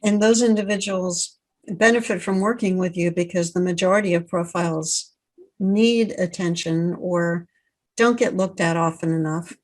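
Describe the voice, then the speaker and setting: Woman host asking measured questions. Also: on the low side, fairly even intonation, darkish tone. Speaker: podcast host. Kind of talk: interview host.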